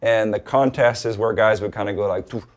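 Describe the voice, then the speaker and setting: A man from Hawaii, a guest in a casual interview, talks in a relaxed, rambling way, full of "like" and "you know." His pitch is fairly low and his pace brisk.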